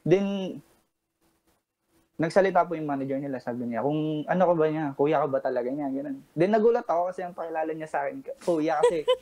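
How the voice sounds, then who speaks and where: A man in his twenties from the Pampanga region, calling in to a late-night radio show and politely, calmly recounting a personal confrontation while quoting what others said. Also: on the high side, a little fast, low-quality recording. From Pampanga, Philippines. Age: 20s. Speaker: caller.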